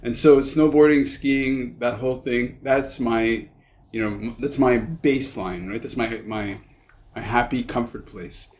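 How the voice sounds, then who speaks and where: A man's voice: medium pitch, measured pace, darkish tone. A man in his fifties from Canada, hosting a casual interview in an effusive, interjecting way. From Montreal, Canada. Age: 50s. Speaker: podcast host.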